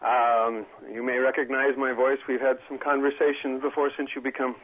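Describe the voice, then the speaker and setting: A man's voice: medium pitch, flat delivery, normal speed, a little hiss or hum. A man calling in to a radio talk show over a phone line, speaking earnestly and with opinions, often stopping to restart his sentences. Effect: heard over a phone line on the radio. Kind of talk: call-in comment to a public radio show.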